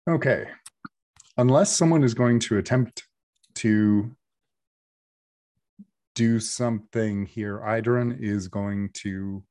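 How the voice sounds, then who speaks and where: A man working as game master, casually narrating a tabletop game in a halting, thinking-aloud way. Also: on the low side, dark tone, no room sound.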